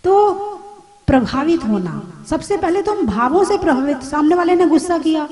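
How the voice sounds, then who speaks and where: A woman, a Jain nun, giving a conversational sermon full of rhetorical questions and gentle humor. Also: high voice, expressive, normal speed, a crowd in the background.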